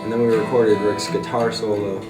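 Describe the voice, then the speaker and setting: A man in his twenties from Massachusetts, a guitarist talking casually in a documentary interview, halting with fillers and restarts. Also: fairly low pitch, little pitch movement, roomy sound, distant mic, over loud music. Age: 20s.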